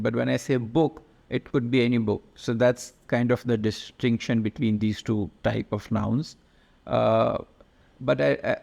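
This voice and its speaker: A man talks through a slide-based lesson in a gravelly voice. He moves step by step, stopping and restarting often and filling the gaps with little sounds. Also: mid-range voice, darkish tone. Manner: explains step by step with many fillers and restarts. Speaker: language teacher.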